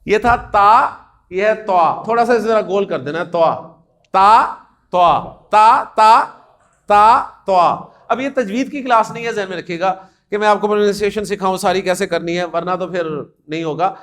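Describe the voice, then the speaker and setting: A Pakistani man with a high voice teaches a class the Arabic alphabet. He pronounces each letter slowly, one at a time, asks the students questions, and mixes English words into his Urdu.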